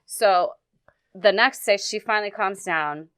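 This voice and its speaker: A young woman, a podcast guest, telling a story in a halting, earnest way full of restarts. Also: mid-range voice, fairly bright tone, smooth, dry recording. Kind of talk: casual storytelling.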